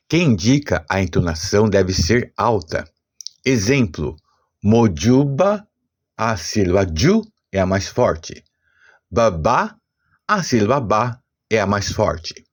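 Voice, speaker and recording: Slow, husky Brazilian man teaching. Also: on the low side. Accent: Brazilian Portuguese. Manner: slow, deliberate explanation with spelled-out examples. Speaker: language teacher. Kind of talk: scripted language lesson.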